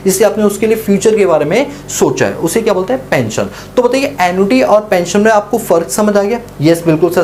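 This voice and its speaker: A man's voice: high voice, darkish tone, a little hiss or hum. Man teaching, asking and answering himself. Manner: asks questions and answers them himself; explains through a story told in first person. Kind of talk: lecture.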